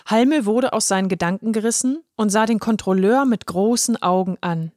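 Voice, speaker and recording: Woman gently narrating a children's story. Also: medium pitch, normal speed, no echo, studio quality.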